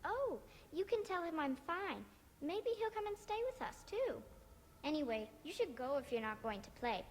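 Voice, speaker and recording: A woman voicing an innocent, excitable little girl in a video game, with a childlike, guileless way of talking. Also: sits high, normal speed. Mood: playful. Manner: childlike, guileless, sing-song. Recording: hall reverb, faint noise, game audio capture.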